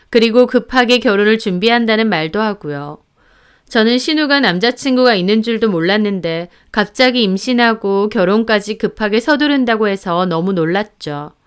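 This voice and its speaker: Woman narrating her story, kinda high, really clean voice, indignant. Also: clean tone. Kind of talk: scripted first-person story narration.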